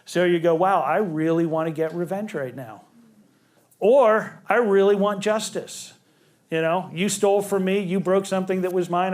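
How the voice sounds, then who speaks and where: A man with a fairly high voice leads a family relationships seminar for a live group. He keeps it conversational and slips into short acted-out lines of dialogue to make his points. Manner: conversational, acts out quoted dialogue.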